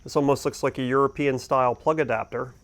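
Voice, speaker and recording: A man hosts a boating gear review, unboxing and talking casually off the cuff as he thinks aloud, unscripted. His voice is medium-pitched, steady, a bit bright, and fast.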